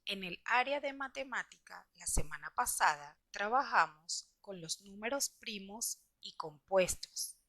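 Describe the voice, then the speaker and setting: Female teacher reading a scripted lesson to pupils, unhurried and deliberate, dry recording. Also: medium pitch, expressive, sharp tone, dry recording. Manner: slow, deliberate explaining to children.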